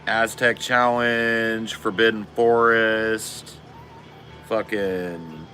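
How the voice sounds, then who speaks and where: A man's voice: lowish voice, steady tone, very slow, pushed and bright, soft background music. A man in his forties chatting casually on a live stream, laid-back and slangy, swearing often. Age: 40s. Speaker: streamer reading chat.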